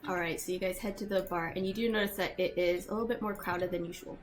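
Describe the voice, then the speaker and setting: Relaxed woman running a tabletop game. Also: lowish voice, quick pace. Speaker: dungeon master.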